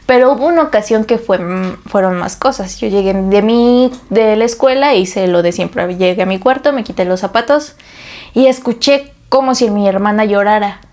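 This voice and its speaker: A young woman, co-hosting a casual podcast and telling a story in an animated way, acting out the voices she quotes. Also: mid-range voice, normal speed. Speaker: podcast co-host. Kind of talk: casual chat.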